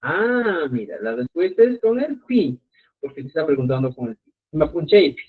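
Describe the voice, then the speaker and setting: Male teacher, live online lesson, patient and full of check-ins, slightly high voice, phone-like sound. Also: big pitch swings, normal speed, slightly rough. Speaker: language teacher. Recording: tinny phone-like audio.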